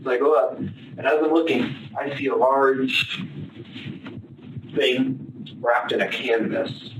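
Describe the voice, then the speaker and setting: Halting, flat-voiced man in an echoey room. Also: medium pitch. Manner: halting, flat, matter-of-fact. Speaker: suspect being interviewed. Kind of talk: police interview. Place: police interview room. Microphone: far-off room camera. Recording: echoey noisy room from far off.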